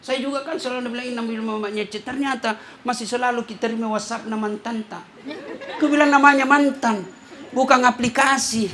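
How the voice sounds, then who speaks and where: Man, high lively voice, humorous sermon, audience murmur behind. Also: brisk, some chatter behind, slight background noise. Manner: playful storytelling, acting out quoted voices. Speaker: preacher.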